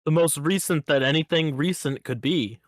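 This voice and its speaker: A man co-hosting a podcast in casual chat, telling stories in an easygoing, teasing way with halting restarts. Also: a little high, no echo, studio quality. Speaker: podcast co-host.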